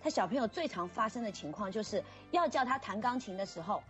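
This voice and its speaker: A woman teacher in casual podcast chat, telling lively stories and acting out children's voices. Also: medium pitch, quick pace, soft background music. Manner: animated storyteller, acts out crying children.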